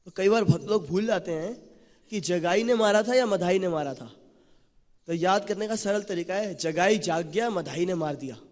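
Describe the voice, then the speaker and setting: A man with a high-pitched voice preaches in a temple hall, telling the story in an animated way. A long echo trails after each phrase he speaks. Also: moderate pace. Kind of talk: sermon. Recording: long reverb of a large hall.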